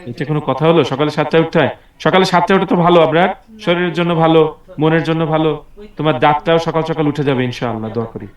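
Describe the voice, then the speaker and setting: A man's voice: on the high side, fast. A man teaching an online English class over a video call, patient and encouraging as he drills words aloud. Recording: roomy, distant video call audio.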